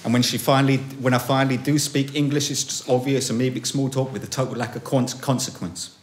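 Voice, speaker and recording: A young man performing a comic, self-mocking spoken-word story at a small live gig, dropping to low mutters and rising to panicky highs. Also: steady tone, fast, slight background noise. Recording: roomy live room.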